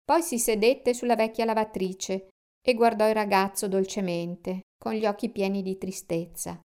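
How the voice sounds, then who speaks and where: A woman narrating a children's storybook aloud in a calm, measured way. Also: mid-range voice, clear, resonant tone.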